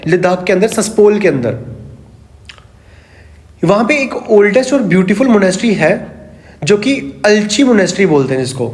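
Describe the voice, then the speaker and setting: A man speaks in a noticeably high voice as he teaches an exam prep history class. He keeps asking rhetorical questions and answering them, repeating key terms over and over. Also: a little mellow. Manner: explains with rhetorical questions and repetition.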